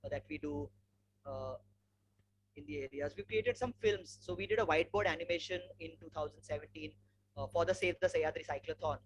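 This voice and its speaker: Higher-voiced man with an educated Indian English accent. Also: fairly quick. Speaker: webinar speaker, environmental educator and trek leader. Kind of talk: informal slide presentation with anecdotes. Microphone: online webinar microphone. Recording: clearly noisy webinar audio with hum.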